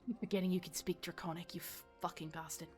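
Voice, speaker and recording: A woman's voice: on the low side, steady tone, quick pace, darkish tone, faint music behind. A woman playing a tabletop game with friends, chatting casually in and out of character in a blunt, sweary way.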